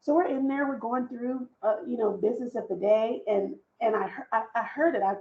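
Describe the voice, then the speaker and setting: A woman's voice: on the high side, a little fast, echoey room, highs cut off. A woman speaking on a panel about workplace belonging, telling stories in an earnest, emphatic way and repeating her points, over a video call. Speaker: panelist, diversity and inclusion leader. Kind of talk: conversational panel discussion.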